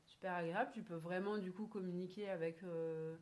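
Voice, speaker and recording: A young woman guest in a casual podcast chat, talking hesitantly with many pauses and soft laughs. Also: on the low side, fairly even intonation.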